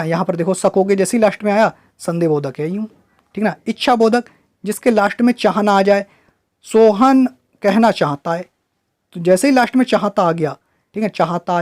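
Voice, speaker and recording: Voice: medium pitch, darkish tone. A teacher giving an online exam-prep grammar lesson, quizzing listeners with questions they then answer and checking in with "right?" after nearly every point. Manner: keeps checking understanding with "right?" tags.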